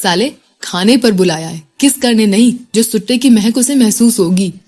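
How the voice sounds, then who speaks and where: A woman voicing a teasing young male hostel friend with rough banter. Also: on the high side, moderate pace, a little mellow, natural voice.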